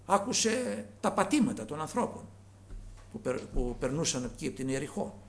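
A male preacher delivering a sermon with a high, gravelly voice. His pitch leaps up and down with animated swings. He moves from loud calls to hushed near-whispers.

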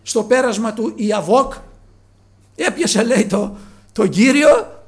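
Preacher, male, very high voice, earnest sermon delivery with soft and raised passages. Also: lively intonation. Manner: earnest, addresses listeners as brothers, swings between soft and raised.

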